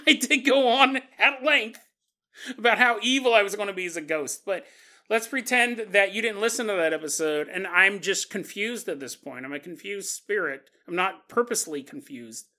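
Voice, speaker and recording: A man's voice: high-pitched, animated, normal speed, pushed and bright. A man hosting a podcast, rambling through a comic monologue and often laughing mid-sentence. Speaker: podcast host.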